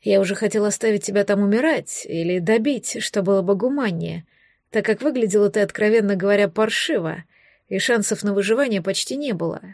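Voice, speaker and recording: A woman's voice: mid-range voice, moderate pace, gravelly, darkish tone, no echo. Woman reading a dry, sardonic mysterious man. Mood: musing. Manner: dry, musing, condescending. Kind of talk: audiobook reading.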